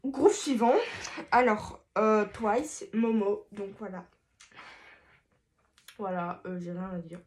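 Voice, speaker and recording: Slow-talking woman speaking through a mask. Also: medium pitch, fairly even intonation. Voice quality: muffled through a face mask. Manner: rambling, hesitant, lots of fillers and restarts; playful, self-mocking asides. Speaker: vlogger. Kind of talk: casual chat.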